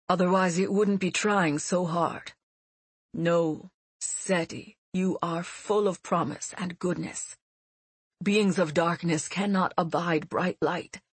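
A woman reading as an older man who leads a manor, calm, gentle and reassuring. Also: on the low side, breathy edge, dry recording. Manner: measured and reassuring. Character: elderly male leader, calm, gentle, wise.

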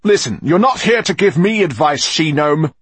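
A man voicing a gruff, bullying male captain who barks his lines loudly in a raised voice. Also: a little high, wildly swooping pitch, slow pace, no room sound, pitched above the performer's own voice, exaggerated voice. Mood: snapping. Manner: loud, barking.

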